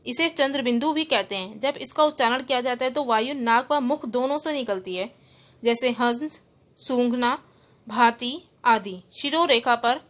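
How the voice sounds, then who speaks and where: Higher-pitched woman teaching a grammar class. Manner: restates each rule in simpler words, mixing in English terms; spells out words letter by letter. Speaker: school teacher. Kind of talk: online grammar lesson.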